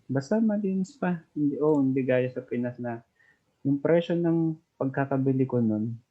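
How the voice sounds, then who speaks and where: A man from the Philippines, a guest overseas worker, chatting casually in an unhurried, easygoing way over a remote call. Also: mid-range voice. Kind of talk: casual chat. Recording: dull lo-fi call audio.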